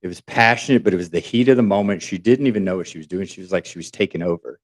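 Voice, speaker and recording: A man co-hosting a podcast, retelling a story in an animated way with acted-out quotes. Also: sits low, rapid-fire. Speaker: podcast co-host.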